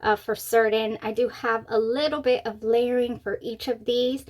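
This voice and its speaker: A woman chatting casually to camera as a review host, excited and gushing, speaking with a slightly swollen mouth after having wisdom teeth out. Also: on the high side, normal speed. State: recovering from wisdom teeth removal, mouth swollen on one side. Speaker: fragrance review channel host.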